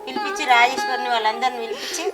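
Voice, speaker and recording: Woman playing indignant village woman, Telangana Telugu accent, fast, high voice. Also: animated. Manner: protective, indignant. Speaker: village woman defending an old maid. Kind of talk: village short film acting. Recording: loud music behind.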